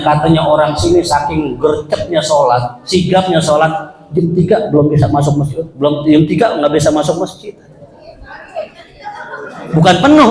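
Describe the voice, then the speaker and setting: A man's voice: a little high, darkish tone. A man preaching a joking sermon in a mosque, addressing the congregation directly. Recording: echoey mosque hall.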